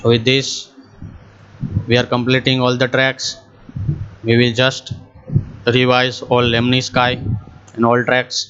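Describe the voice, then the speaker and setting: A man giving a slow, deliberate anatomy lecture, switching between Hindi and as he walks through a diagram. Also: medium pitch, monotone, a bit bright, clear, resonant tone. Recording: muffled, slightly lo-fi screen recording.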